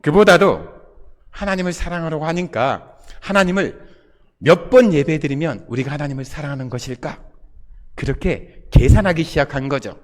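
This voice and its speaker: A man's voice: fairly high pitch, lively intonation, normal speed. Preaching man in a reverberant church. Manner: rhetorical questions to the congregation. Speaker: pastor. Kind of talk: sermon. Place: church sanctuary. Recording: long reverb of a church hall.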